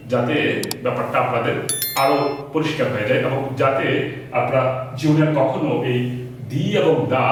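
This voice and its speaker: A man's voice: medium pitch, slight background noise. Echoey Bangladeshi man teaching grammar. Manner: repeats and spells out examples slowly. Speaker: English teacher. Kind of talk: spoken grammar lesson. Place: classroom with a board. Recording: very echoey room, mic far off.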